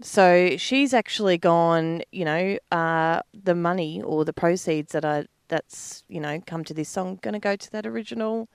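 A woman hosts a local radio show with playful, joking banter. Her voice sits slightly low. She is close to the mic in a dry studio. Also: normal speed, few pauses, clean tone, no room sound. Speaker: radio host. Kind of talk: casual radio chat.

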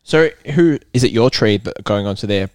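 A man with an Australian accent hosting a podcast in casual chat, with a somewhat halting delivery. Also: on the low side, expressive, darkish tone, dry recording. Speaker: podcast host.

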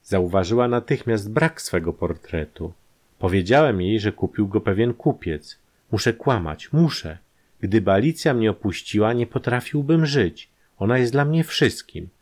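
A man's voice: lowish voice, expressive, moderate pace, darkish tone. A man voicing a shy young painter who speaks nervously and pleads with rising desperation. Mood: desperate. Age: young adult.

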